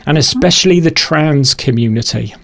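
A man's voice: on the high side, normal speed, vocal fry, slight background noise. A man hosting a casual, chatty radio interview.

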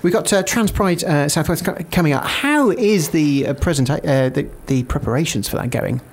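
A man's voice: fairly high pitch, animated, normal speed, breathy edge. A man hosting a radio show in a studio, chatting casually and interviewing a guest, hesitant with many fillers and restarts.

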